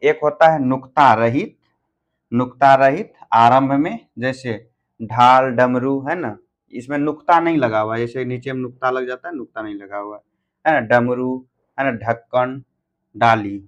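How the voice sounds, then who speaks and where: A man at an average pitch teaching a grammar lesson for exam preparation. He poses questions to his students and answers them himself, counting items out and going back over each point. The recording sounds a little dull and lo-fi. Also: measured pace. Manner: repeats and counts things out.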